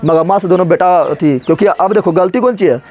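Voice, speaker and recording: A man's voice: high-pitched, fairly quick, a little mellow. A male teacher, explaining a story to his class and repeating his own questions before answering them.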